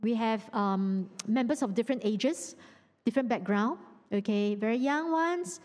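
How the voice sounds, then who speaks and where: A woman with a Singaporean English accent giving a lively, conversational sermon, teasing and quizzing her audience. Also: on the high side, moderate pace, big-room sound. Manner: animated, teasing, asks the audience questions. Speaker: preacher.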